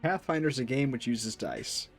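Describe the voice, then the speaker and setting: A man's voice: mid-range voice, big pitch swings, normal speed, faint music behind. A man playing a tabletop game, chatting casually with wry, joking banter.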